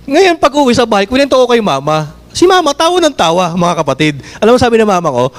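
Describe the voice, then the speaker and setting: A man with a Filipino accent preaching a sermon as pastor, asking the congregation questions and reading verses slowly. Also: very high voice. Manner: switches between Tagalog and English, reads verses slowly; animated, asks the congregation questions.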